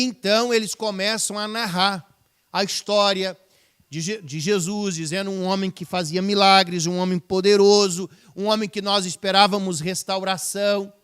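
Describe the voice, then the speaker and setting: A man's voice: high-pitched, a bit bright, clean tone. A man preaching a sermon in a church, talking conversationally and asking the congregation rhetorical questions. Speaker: pastor. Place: church service, livestreamed.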